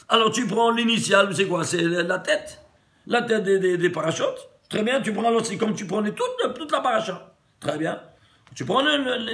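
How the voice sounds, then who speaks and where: Un rabbin qui donne un cours de Torah sur les valeurs numériques, animé, qui pose ses propres questions et se reprend souvent. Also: male voice, high voice, vocal fry. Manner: animated, asks and answers his own questions, stumbles and repeats words. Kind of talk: Torah lesson on gematria.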